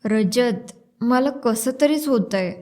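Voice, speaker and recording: A woman reading the part of a young pregnant wife who speaks softly and anxiously in an audiobook. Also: on the high side, slow. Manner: soft, anxious, clingy.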